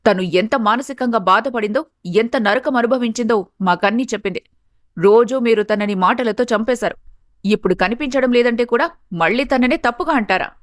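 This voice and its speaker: A woman voicing an angry, loyal young woman who talks in a heated, forceful way, as a storybook character voice. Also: a little high, brisk, dry recording, studio quality, close to an everyday voice. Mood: indignant.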